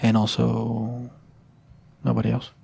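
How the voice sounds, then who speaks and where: A man's voice: mid-range voice, completely flat delivery, slow, gravelly, dark tone, slightly rough. A man co-hosting a casual podcast, rambling, joking and swearing freely. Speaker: podcast co-host. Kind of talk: casual chat.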